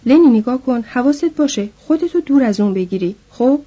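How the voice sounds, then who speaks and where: A woman's voice: a little high, expressive, dark tone, husky. A woman voicing a stern, protective man warning his companion, in a dull lo-fi recording. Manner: stern, firm.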